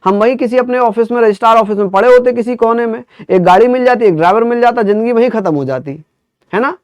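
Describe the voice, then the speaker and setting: A man's voice: extremely high pitch, fast talker, clean tone, no room sound. A man teaching a history lesson to exam students, drilling facts by asking and answering his own questions, with chatty asides. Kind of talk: online exam-prep lecture.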